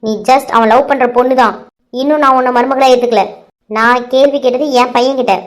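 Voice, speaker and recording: A woman voicing a stern, domineering middle-aged mother in a cartoon, with a sharp, scolding way of talking. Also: high voice, fairly even intonation, a little fast, close to an everyday voice. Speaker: mother of the hero. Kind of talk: cartoon voice acting.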